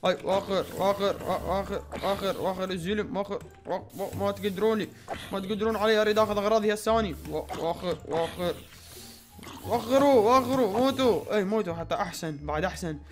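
Excitable Iraqi gaming host. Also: male voice, high voice, fast, soft background music. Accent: Iraqi Arabic. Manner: excitable, exclaiming, repeating words. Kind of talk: let's-play gameplay commentary.

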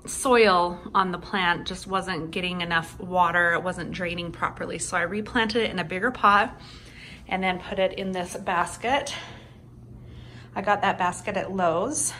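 A woman's voice: fairly low pitch, fairly even intonation, unhurried, pushed and bright, slight background noise. A woman in her thirties narrating a casual home vlog, chatty and upbeat with frequent ums. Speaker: vlogger.

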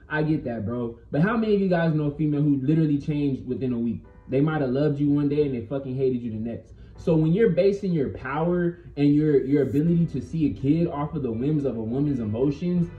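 A young American man hosts a video channel from a small, bare-walled bedroom, delivering a blunt, slangy opinion monologue to camera with emphasis and casual swearing. His fairly high voice runs quickly with hardly any pauses, and the sound is phone-quality and echoey.

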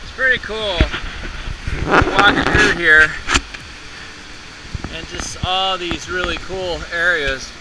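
A man in his fifties filming himself on a jungle hike, casual and excited, recorded outdoors on an action camera. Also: high voice, very noisy. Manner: excited, exclaiming, slow talk. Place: outdoors in a jungle valley by a stream. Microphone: action camera on a selfie stick.

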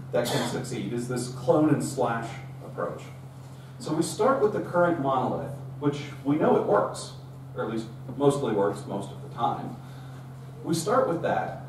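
A middle-aged man addresses a meetup audience with a live technical talk, relaxed and anecdotal, voicing the lines he quotes. Picked up by a camera far across the room, his medium-pitched voice sounds remote and echoes strongly over a faint hum.

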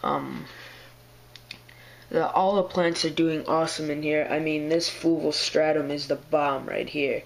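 Man with a sore, strained throat, slow and easygoing, talking loosely with plenty of fillers into a handheld camera. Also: fairly high pitch, fairly even intonation, creaky. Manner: laid-back, rambling, full of fillers and slang. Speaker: aquarium hobbyist vlogger. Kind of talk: casual video update.

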